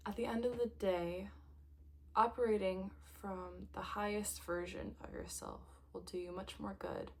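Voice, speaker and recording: A woman giving a casual tarot reading to camera, gentle and reflective, laughing lightly and sometimes dropping to a soft near-whisper. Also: mid-range voice, gravelly. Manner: laughs lightly between thoughts. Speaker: tarot reader.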